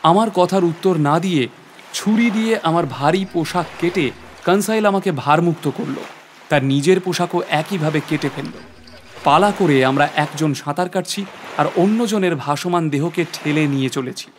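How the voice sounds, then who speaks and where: An actor playing an earnest, weary professor who narrates his ordeal in a dramatic, halting way. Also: a little high, a little hiss or hum, close to an everyday voice. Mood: tense, grave. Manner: dramatic, halting, with repeated words. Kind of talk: dramatised first-person story narration.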